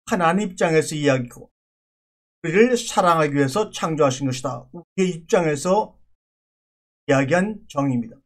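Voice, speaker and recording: A man with a somewhat high-pitched voice delivers a sermon. He speaks as a pastor, working through scripture in an earnest, teaching way and circling back to repeat key words. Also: lively intonation, moderate pace.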